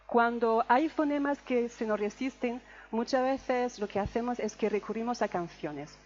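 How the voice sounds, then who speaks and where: A woman teaches a live audience, walking them through each point and pausing to check they follow. Her voice sits a little high. The recording is dull and lo-fi. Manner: explains step by step, checking with the room. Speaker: French teacher. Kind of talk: lively classroom talk to an audience. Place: lecture room with audience.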